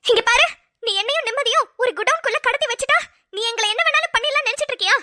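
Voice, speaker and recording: A woman voicing a frightened but defiant young heroine in a cartoon, with a squeaky, tearful manner. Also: very fast, pushed and bright, heavily acted. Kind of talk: cartoon voice acting.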